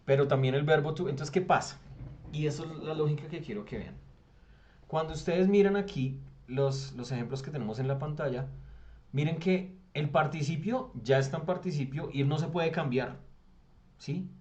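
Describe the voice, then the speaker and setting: A man with a Colombian Spanish accent teaches an online English grammar class over a video call, captured on a computer mic that cuts off the highs. His voice is on the high side and a little mellow, and he reads English text aloud slowly, explaining patiently and often checking that students are following.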